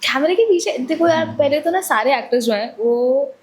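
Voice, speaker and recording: A woman's voice: high-pitched, animated, moderate pace, darkish tone. A woman actress, a guest in a casual interview, chatting freely, laughing often and acting out lines quoted from the set.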